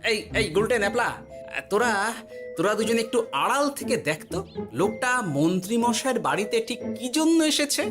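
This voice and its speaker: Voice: mid-range voice, lively intonation, a little fast, music in the background, natural voice. An actor voicing Gopal Bhar, a shrewd, genial village grandfather in a Bengali cartoon, with a theatrical, folksy manner. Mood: curious, suspicious.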